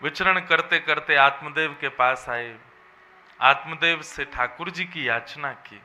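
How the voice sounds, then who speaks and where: Bright high-voiced man preaching. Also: slow. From Vrindavan region. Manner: emphatic, melodic preaching. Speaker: religious storyteller. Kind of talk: devotional sermon.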